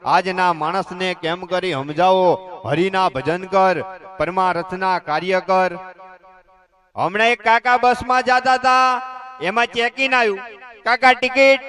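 High-voiced Gujarati man telling stage jokes. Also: a bit bright. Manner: folksy storytelling, voicing others in dialogue. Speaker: comedian and stage host. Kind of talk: live stand-up joke telling.

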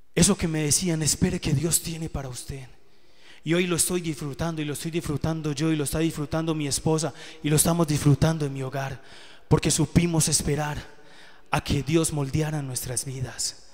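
A man with a high voice preaches live in a church hall, his words trailing off in long reverb. He talks earnestly, giving testimony that builds to emotional peaks. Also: fairly even intonation, normal speed, a little mellow. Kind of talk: sermon.

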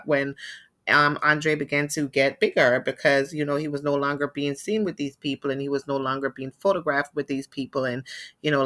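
A woman's voice: low voice, sharp tone. A woman hosting a celebrity gossip show, telling the story in a chatty, opinionated way, full of "you know" fillers. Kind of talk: casual gossip commentary.

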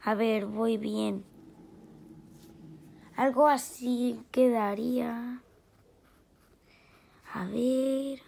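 A woman's voice: on the high side, fairly even intonation, drawn-out words, creaky, pauses often, warm tone. A woman chatting playfully while drawing, muttering to herself as she works. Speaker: channel host. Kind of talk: casual chat while drawing.

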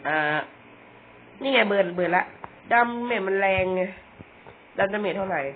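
At a moderate pace and high pitch, a young gamer gives relaxed commentary on a video game. Self-mocking jokes and stumbling, repeated words run through his chatter, and the sound is thin and phone-like with faint noise.

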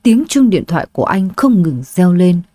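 A woman's voice: on the low side, moderate pace, dry recording, clean studio sound. Woman narrating a dramatic audiobook. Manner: steady, dramatic storytelling. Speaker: storyteller.

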